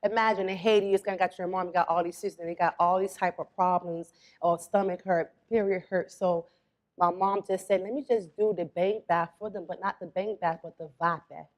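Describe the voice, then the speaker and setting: A young adult woman from Florida, a spa owner, chatting as an interview guest in a relaxed, storytelling way. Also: on the low side, brisk. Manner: relaxed storytelling, quotes her mother. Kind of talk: casual interview talk.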